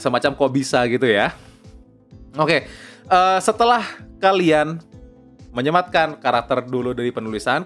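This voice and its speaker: A young man talks through a voice-over lesson in a loose, chatty way, checking in with his listeners every few words. His voice sits at an ordinary middle pitch. Soft music plays faintly underneath. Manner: chatty, fillers like "ya" and "oke", mixes in English phrases. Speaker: voice-over tutor. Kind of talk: casual spoken tutorial. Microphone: close lapel mic.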